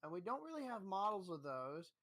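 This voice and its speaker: Somewhat high-voiced man, blunt and profane. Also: sing-song, a little fast, crowd noise. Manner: blunt, profane, stammering restarts. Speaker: co-host. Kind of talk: casual stream commentary.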